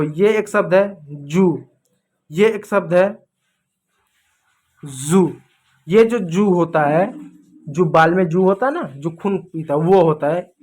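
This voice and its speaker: High-voiced Indian man drilling pronunciation. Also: darkish tone. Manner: repetitive, drilling words over and over. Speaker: English pronunciation teacher. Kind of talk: classroom lesson.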